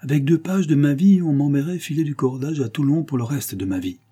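A man's voice: mid-range voice, brisk, dark tone, breathy edge, natural voice. A man reading the part of a scheming young male bandit in an audiobook, speaking in a mocking, carefree tone.

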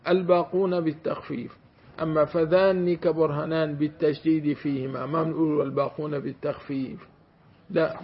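A man's voice: on the high side, creaky, breathy edge. A man, a sheikh teaching a class on Quranic commentary, who stretches out words to demonstrate them and checks that his students follow. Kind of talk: classroom lecture on grammar. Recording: dull lo-fi recording with faint hiss.

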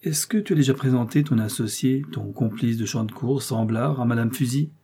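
A sharp, commanding detective, read by a man gives orders in curt, authoritative questions. The voice is husky and dark-toned, and the part is told as an audiobook. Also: mid-range voice, a little fast, lightly acted. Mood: probing. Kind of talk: audiobook character reading.

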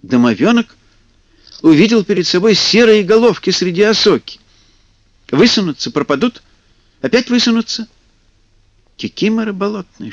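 Male audiobook narrator, animated fairy-tale reading, lively swooping pitch, dry muffled lo-fi sound. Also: no room sound. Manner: animated, acting out character voices. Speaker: storyteller.

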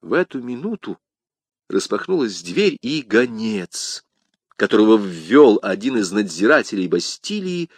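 A man narrating an audiobook in a lively, theatrical reading. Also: lowish voice, measured pace, breathy edge, dry recording, studio quality.

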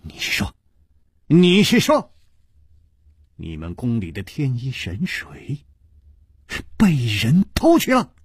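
A man's voice: wildly swooping pitch, takes it slowly, long pauses, husky, dry recording, studio quality, exaggerated voice. A man doing a cool, mocking swordsman hero. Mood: teasing. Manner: teasing and drawn out, with sudden surprised jumps in pitch.

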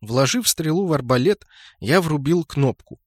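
A man narrating a first-person audiobook in a steady, even reading. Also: fairly high pitch, normal speed, husky, no room sound.

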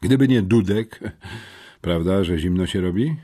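A man's voice: deep voice, measured pace, dark tone, breathy edge. A man reading an audiobook voices a gloomy, sarcastic teenage boy detective who speaks dryly and likes to philosophize. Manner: dry, sour, philosophizing.

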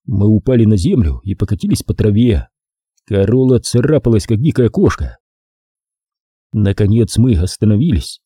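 A male audiobook narrator with a husky, very dark voice tells the story in a measured, expressive way. His pitch moves lively through each sentence. The recording is dry and close, with no room sound.

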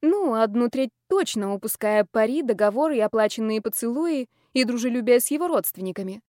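A woman narrating a romantic novel in the first person with lively storytelling. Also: on the high side, brisk, no echo, clean studio sound. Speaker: audiobook reader. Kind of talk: audiobook narration.

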